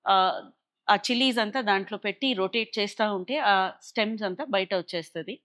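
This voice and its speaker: A woman's voice: mid-range voice, brisk, a bit bright. A woman with an Indian Telugu accent explaining things in an interview, switching freely between Telugu and English. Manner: explanatory, with English phrases dropped into Telugu sentences. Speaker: guest explaining a maker center's projects.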